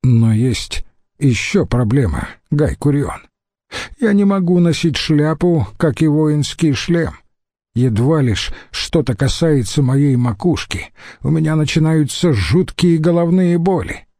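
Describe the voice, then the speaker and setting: A man's voice: fairly high pitch, expressive, a little slow, warm tone, no room sound, studio quality, voice pushed up. A male audiobook reader voicing a touchy bald Roman nobleman who complains indignantly. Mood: complaining.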